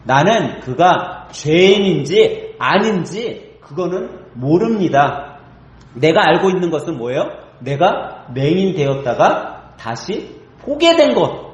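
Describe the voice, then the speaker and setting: A bold, sure man who has just been healed of blindness, as a preacher puts him on speaks earnest testimony. His lively voice lifts and falls. The words echo through a church hall. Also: a little high, slow, highs cut off.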